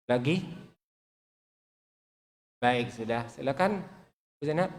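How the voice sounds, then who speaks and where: A man's voice: medium pitch, lively intonation, slow pace. Man, Quran recitation teacher, patient, repeats sounds to copy, long reverb. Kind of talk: online recitation class.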